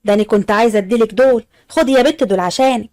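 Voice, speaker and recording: A woman's voice: a little high, rapid-fire, darkish tone, voice pushed down, close to an everyday voice. A woman voicing a scheming, domineering lady of the house who speaks in a commanding, threatening way. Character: sharp-tongued scheming woman, bossy toward servants.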